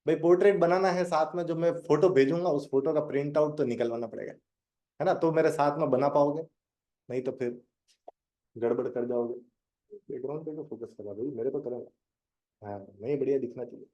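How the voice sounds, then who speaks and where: Chatty young male drawing teacher, mellow voice. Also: on the high side, brisk. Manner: chatty, addresses students directly and jokes. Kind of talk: live online drawing lesson.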